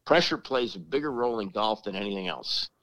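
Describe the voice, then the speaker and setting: A middle-aged man chatting casually as a sports commentator, emphatic and halting, often repeating words as he makes his point. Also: lowish voice, lively intonation, a bit bright, no room sound, rough recording.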